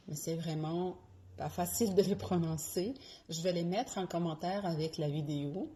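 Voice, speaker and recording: Slow, careful woman teaching pronunciation. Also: on the low side, mellow. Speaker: French teacher. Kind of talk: pronunciation lesson.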